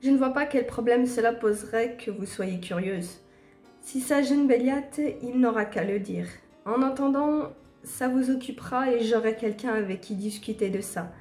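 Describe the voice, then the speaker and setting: A woman's voice: on the high side, a little mellow, reverberant, faint music behind, close to an everyday voice. A woman reading the lines of a courteous, formal male vampire aloud from a game. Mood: calm. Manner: polite, measured, formal.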